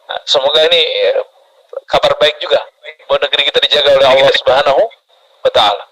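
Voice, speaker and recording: A man preaching a sermon to a congregation, lively and often putting questions to the audience. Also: on the high side, fast, low-quality recording. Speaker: Islamic preacher.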